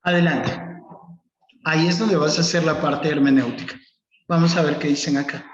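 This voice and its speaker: A man's voice: on the high side, steady tone, slight background noise. A man teaching a preaching workshop online, reading scripture and calling on students by name. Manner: slow, instructive, calls on students by name. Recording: echoey, dull lo-fi room sound.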